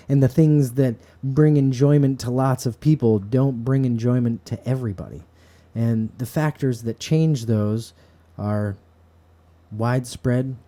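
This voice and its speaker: A man with a very dark, mellow voice delivers a reflective monologue to camera. He sounds earnest and philosophical, musing at a mid-range pitch. It is recorded in a bedroom. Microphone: camera set up in front of him.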